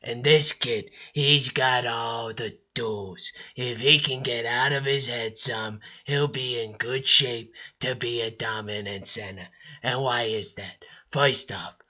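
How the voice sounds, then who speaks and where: A man's voice: medium pitch, steady tone, slow pace, sharp tone, heavily acted. A man voicing a blustery middle-aged uncle, lecturing about basketball in a voicemail, folksy and preachy, repeating "all right?" and "look". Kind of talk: phone voicemail comedy rant.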